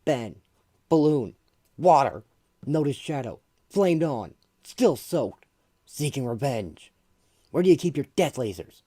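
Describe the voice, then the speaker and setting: A man's voice: medium pitch, expressive, takes it slowly, mellow, voice pushed up. A man playing an indignant, cheeky young prankster uncle in a comic-book radio play, clipped and exclamatory.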